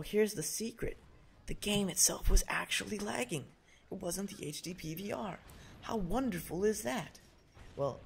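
A man's voice: medium pitch, a little mellow, a little hiss or hum. A young man, sick, rambling and joking crudely through casual game commentary as a gaming YouTuber.

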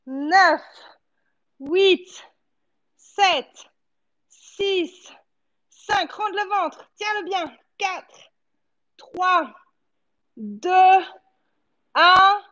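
A woman's voice: very high voice, lively intonation, drawn-out words, pauses often, pushed and bright, dull audio. A woman in her thirties leading a home workout as a fitness coach, giving short encouraging cues and counting repetitions while she exercises. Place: living-room home studio, indoors.

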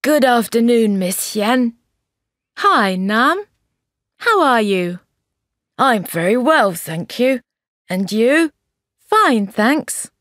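High slow woman in classroom dialogue. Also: big pitch swings, a bit bright, dry recording, studio quality. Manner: slow, careful, over-articulated. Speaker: textbook dialogue voice.

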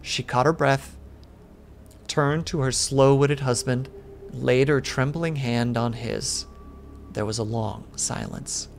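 A man streamer reading a classic horror story aloud in steady narration with small slips. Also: medium pitch, slow pace, gravelly, soft background music.

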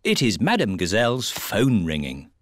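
A man's voice: on the low side, wildly swooping pitch, normal speed. A British man as a cheerful storybook narrator, reading scripted narration for a children's cartoon. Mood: cheerful narrating. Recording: music under the voice.

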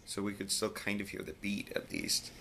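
Tired man, very deep gravelly voice, rambling casual vlog chat, faint background hiss. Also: steady tone, moderate pace, bright, forceful tone. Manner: rambling, drops voice very low at times. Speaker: vlogger.

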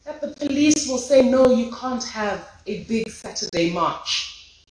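A woman's voice: fairly high pitch, lively intonation, a little slow, darkish tone. Impassioned woman at a podium, echoey hall. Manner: impassioned, rhetorical, rising in force. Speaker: memorial speaker. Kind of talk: memorial tribute speech. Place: large lecture hall with audience. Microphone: podium microphone.

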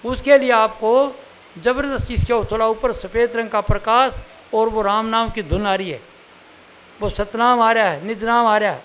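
A man's voice: high voice, a bit bright, slight background noise. An older man from India giving a spiritual sermon in a plain, conversational teaching manner with everyday examples. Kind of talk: satsang sermon.

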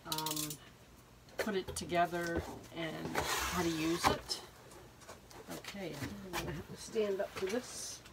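An older woman in her sixties, slightly hoarse from a cold, talks haltingly and casually through an unboxing, thinking aloud as she goes. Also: on the low side, fairly even intonation. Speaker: art vlogger unboxing supplies. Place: indoor home art studio, wood-beamed. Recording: noisy room, clicks and rustling.

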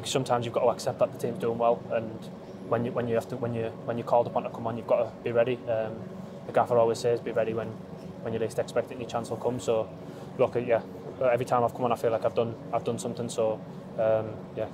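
A man's voice: mid-range voice, monotone, fast, noisy background. A young man in his twenties giving a post-match interview as a footballer, hesitant with many ums and restarts, recorded outdoors in empty stadium stands on a handheld phone. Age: 20s. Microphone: handheld phone held up close.

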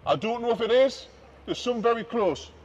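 High-voiced street preacher. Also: male voice, expressive, normal speed, low-quality recording. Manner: emphatic, repeats key phrases, shifts between loud and hushed. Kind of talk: open-air street preaching. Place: outdoors on a city street.

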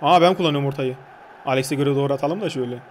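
A young man doing casual gameplay commentary on a football game, excitable, yelling and swearing at his player. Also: mid-range voice, rapid-fire, a little hiss or hum. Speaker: gaming YouTuber.

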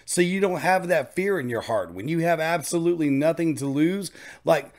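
A man's voice: a little high, lively intonation, normal speed. A man hosting a reaction channel, chatting casually and reacting with enthusiasm over faint music. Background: faint music playing.

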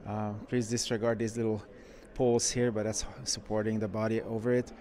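A man who runs a car shop, walking through a car museum and giving casual, enthusiastic commentary with frequent pauses. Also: on the low side, little pitch movement, mellow. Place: indoor car museum halls.

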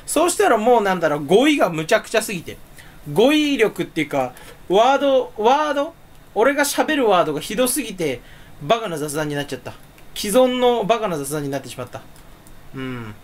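Casual solo chatter, male, rambling and self-deprecating, pitch leaps all over. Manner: rambling, self-mocking, swings pitch up suddenly. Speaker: streamer.

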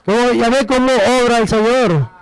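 This man's voice is very high, clear and resonant, at a moderate pace. Sharing his testimony with the congregation, he narrates like a storyteller, performs the conversations himself and throws out rhetorical questions. There's no echo, but the audio is poor.

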